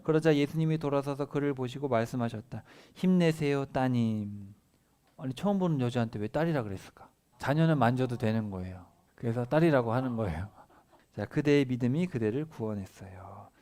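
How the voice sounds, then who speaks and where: A man's voice: mid-range voice, mellow. A middle-aged male pastor reading scripture aloud in a family sermon, then explaining it in simple words and putting questions to the children.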